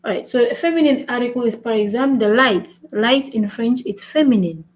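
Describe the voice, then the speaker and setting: This low-quality recording captures a slightly high, slightly quick female voice giving a laid-back French lesson on video. An English speaker by birth, she chats and repeats herself, checks in with "right?" a lot, and writes things on a board.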